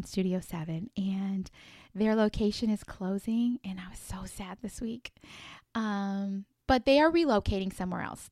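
A woman's voice: mid-range voice, dry recording, studio quality. Upbeat woman giving a pep talk. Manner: upbeat, emphatic, repeats phrases for encouragement. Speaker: podcast host. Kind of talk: motivational podcast monologue.

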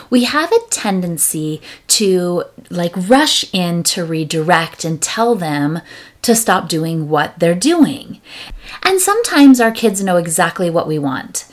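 Female podcast host, parent coach; lowish voice, upbeat chat with acted-out quotes. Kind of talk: casual podcast talk.

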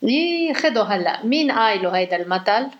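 A woman's voice: mid-range voice, very animated, fast talker, dull audio. A young woman with a Lebanese accent chatting casually with her mother, playful and full of teasing questions. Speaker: daughter on a call with her mother. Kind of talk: casual family phone chat.

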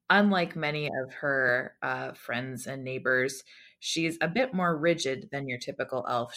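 Woman, tabletop game player, deliberate and slow, fillers, clear bright tone. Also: extremely low pitch. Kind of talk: describing a tabletop game character.

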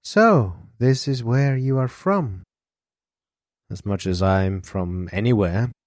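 A man voicing a gentle, wistful young woman with a soft, probing way of speaking. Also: on the low side, expressive, takes it slowly, dry recording, clean studio sound. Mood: teasing, gentle. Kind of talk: audiobook character voice.

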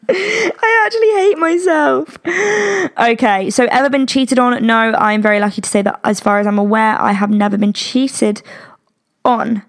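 A woman's voice: medium pitch, fairly even intonation, normal speed. A young British woman in her twenties hosting a podcast, chatting frankly and giggling, with lots of fillers. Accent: British English. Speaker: podcast host. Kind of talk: casual chat.

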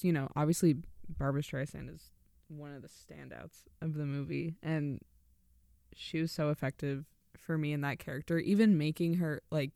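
A man's voice: a little high, gravelly, dark tone, no room sound, clean studio sound. A man co-hosting a podcast, chatting enthusiastically about a film and giggling often. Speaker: podcast co-host. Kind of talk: casual film discussion.

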